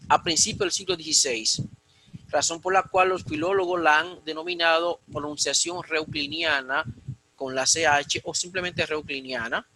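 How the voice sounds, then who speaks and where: A man's voice: on the high side, pushed and bright, poor audio. A man from the Dominican Republic teaching a recorded lesson on Greek pronunciation, explaining step by step with frequent fillers and restarts. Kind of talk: recorded lecture.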